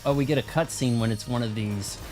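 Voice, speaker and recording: Speaking a little fast over music, this American streamer keeps up easygoing, meandering commentary and chat while playing video games, his voice pitched in the middle range.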